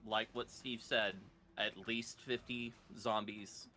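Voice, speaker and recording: A man narrating a tabletop game as game master, describing scenes slowly. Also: mid-range voice, level tone, bright, forceful tone.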